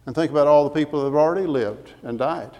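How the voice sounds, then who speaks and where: Male preacher, earnest and emphatic sermon delivery, voice a bit high, long hall reverb. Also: fast talker, darkish tone, lo-fi sound. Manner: earnest, emphatic, quotes scripture with references.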